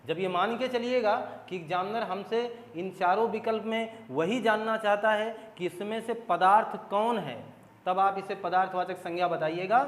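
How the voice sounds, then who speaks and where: A man teaching an exam-prep grammar lesson, explaining step by step, repeating key points and putting questions to his students. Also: high voice. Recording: echoey room with long reverb.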